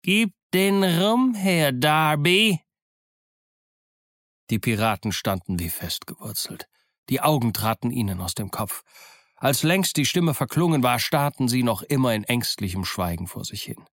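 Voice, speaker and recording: A man narrating a classic adventure story in the first person, measured and dramatic. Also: fairly low pitch, expressive, no echo, clean studio sound. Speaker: audiobook narrator.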